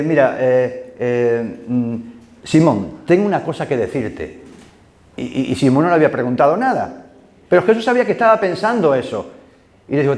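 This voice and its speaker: A man preaching a sermon in a relaxed, conversational way, with many fillers and repeated words. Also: medium pitch, reverberant. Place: church hall.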